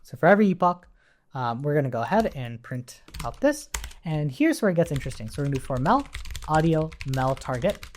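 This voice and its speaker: Typing away at a computer indoors, a tutorial instructor leads a casual live-coding session, reasoning out loud and checking in with "right?" again and again. The voice is mid-range, brisk and sing-song, carrying a little hiss or hum over the keyboard clatter.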